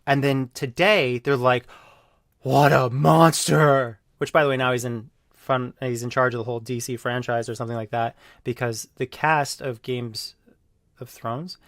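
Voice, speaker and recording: A man talking casually on his video channel, rambling with lots of fillers and jumping into loud mocking voices when he quotes people. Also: mid-range voice, steady tone, normal speed, no room sound, clean studio sound. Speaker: YouTuber. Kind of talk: casual monologue.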